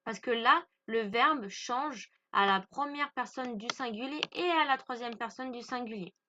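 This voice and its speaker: A woman's voice: fairly high pitch, moderate pace, dull audio, background noise. A woman from France teaching English grammar to French speakers, patiently stressing pronunciation and repeating each point.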